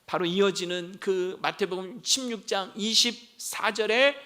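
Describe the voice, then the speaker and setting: A middle-aged senior pastor delivers a Sunday sermon in a high, bright, pushed voice at an unhurried pace. He often addresses the congregation directly, poses rhetorical questions and answers them himself, and leads a group Bible reading.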